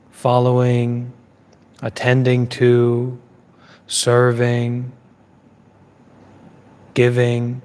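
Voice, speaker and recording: A man giving a live Dhamma talk as a Buddhist teacher. He speaks in a measured way, repeating phrases in lists with pauses. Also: medium pitch, big-room sound.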